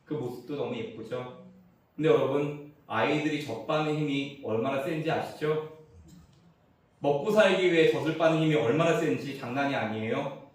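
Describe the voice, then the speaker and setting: A man in his forties preaching as a pastor, telling a humorous family story that swings between hushed asides and emphatic punchlines. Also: a little high, normal speed. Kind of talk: sermon. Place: church sanctuary. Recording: roomy church echo, mic at a distance.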